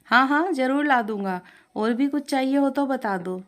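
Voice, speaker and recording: Nice young husband, eager to help, woman voicing him, pitched up high. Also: normal speed, close to an everyday voice. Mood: friendly. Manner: eager, obliging.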